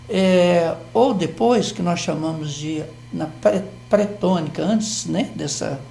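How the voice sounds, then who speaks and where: An older Brazilian man teaching grammar on television, with a gravelly, dark tone. He explains patiently, step by step, tossing in small questions to check his listener follows. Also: sits high, a little hiss or hum. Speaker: Portuguese language teacher.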